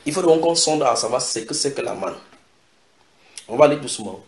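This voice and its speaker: A man's voice: medium pitch, fairly quick, noisy background. Echoey male preacher delivering a sermon. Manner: animated, repeats phrases for emphasis, breaks into song. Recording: echoey room.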